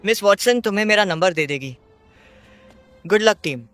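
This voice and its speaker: A man playing an earnest, quick-witted young superhero in a dubbed video game cutscene. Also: sits high, animated, over music. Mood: determined.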